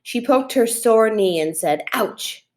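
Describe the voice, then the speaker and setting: A woman's voice: mid-range voice, normal speed, darkish tone. A middle-aged woman reading a children's chapter book aloud as a teacher would, recorded at a computer in a room at home. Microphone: computer mic at desk, webcam framing.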